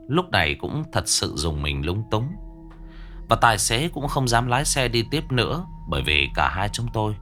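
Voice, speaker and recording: A man's voice: lowish voice, fairly bright tone. A man narrating a ghost story in a tense, dramatic storytelling manner.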